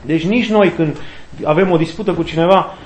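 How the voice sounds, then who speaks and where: A man giving an informal sermon in a conversational way, acting out quoted voices with humor. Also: on the high side. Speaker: preacher. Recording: echoey room with faint noise.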